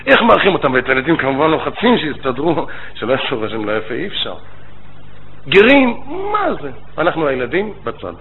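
A man who is a rabbi and educator, giving a religious lecture as animated storytelling with rabbinic phrasing. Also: on the high side, crowd noise. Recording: tinny phone-like line with faint noise.

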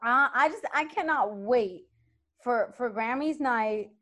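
A woman with a high voice hosts a casual fan chat. She is lively and animated, and she repeats phrases to drive a point home. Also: slow pace. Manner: animated, repeats herself for emphasis. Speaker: host.

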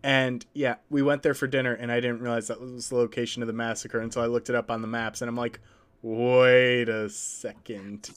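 A man's voice: mid-range voice, flat delivery, fast talker, few pauses, clean tone. Chatty, joking male podcast co-host. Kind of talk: casual history podcast chat.

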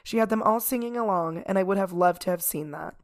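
A woman co-hosting a podcast in casual chat, speaking informally with a hoarse voice. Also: medium pitch, fast talker. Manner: informal, peppers talk with "like" and "y'all". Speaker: podcast co-host.

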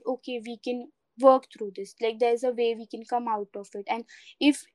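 A woman's voice: on the high side, a little mellow, no echo, rough recording. A woman with an Indian accent chatting casually and reflectively in an earnest, encouraging way, slipping between English and Hindi. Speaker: podcast co-host.

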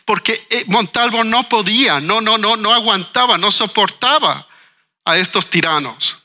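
A man from Ecuador speaks in a high, pushed, bright voice at a moderate pace. A writer, educator and cultural manager appearing as a panel guest, he talks earnestly, asking questions and repeating words as he thinks.

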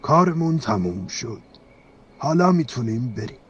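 A man voicing an old, wise male wizard headmaster in a radio play, speaking softly and kindly. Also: medium pitch, sing-song, lo-fi sound, slight background noise, natural voice. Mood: gentle solemn. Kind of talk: Persian radio-play acting. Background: faint music.

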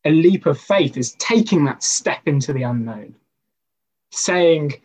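Husky man giving a casual sermon. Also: a little high, lively intonation, a little slow, a little mellow, poor audio. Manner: conversational, with personal stories and rhetorical questions. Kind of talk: informal sermon talk.

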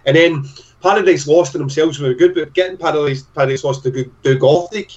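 Excitable scottish guy, thick broad glasgow accent, highish voice, chatting in an interview, bit lo-fi. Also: brisk, distant mic. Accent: broad Glaswegian Scottish. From Scotland. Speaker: podcast guest, festival promoter. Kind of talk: casual interview chat.

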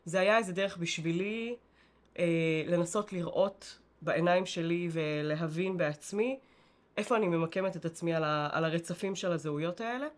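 Female guest, Israeli accent, slightly low voice, reflective and conversational, rephrases as she speaks. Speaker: interview guest.

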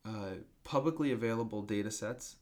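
In a business interview, a man representing a company explains things in a halting, conversational way. His voice is on the low side with a darkish tone.

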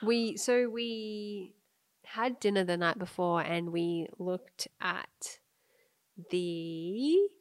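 A woman's voice: on the low side, drawn-out words, no room sound, clean studio sound. An Australian woman co-hosting a podcast, telling a story in casual chat and laughing often. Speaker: podcast co-host.

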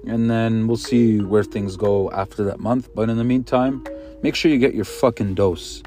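A man's voice: fairly low pitch, steady tone, moderate pace, mellow, soft background music. A man hosting a casual podcast, laid-back and slangy, calling everyone bro. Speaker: podcast host.

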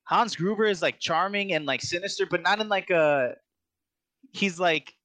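A man co-hosting a podcast, talking about a film in an enthusiastic, halting way with many restarts. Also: high-pitched, sharp tone, dry recording. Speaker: podcast co-host. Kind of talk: casual movie review chat.

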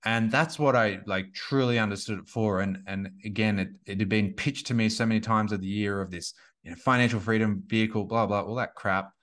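A man's voice: lowish voice, fairly even intonation, brisk, few pauses, a bit bright. A man in his thirties, a podcast guest and business coach, talking casually and rambling with many restarts and fillers. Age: 30s.

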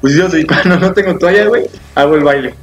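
A man's voice: a little high, fast talker. A man with a Mexican accent telling embarrassing stories in casual, slangy chat, laughing all through. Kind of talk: casual chat, comic storytelling. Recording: echoey room with background noise.

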